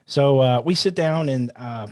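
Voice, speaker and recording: A man who trains people in self-defense, telling a casual story in an animated way and quoting himself and others as he goes. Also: medium pitch, unhurried. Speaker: firearms trainer guest.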